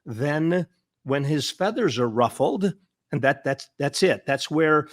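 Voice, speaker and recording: A man's voice: on the high side, lively intonation, takes it slowly, no echo, studio quality. A man, a therapist guest in an interview, talking earnestly and emphatically, repeating words for stress and often restarting his sentences. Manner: frequent stammered restarts. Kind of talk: conversational interview.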